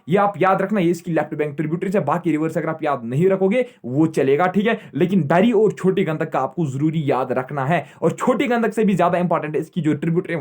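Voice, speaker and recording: A young man with a notably high voice teaches an exam-prep geography lesson. He drills key points over and over and checks in with his students after nearly every sentence. He keeps quizzing them and then answering his own questions. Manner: repetitive, checks in with "theek hai" constantly.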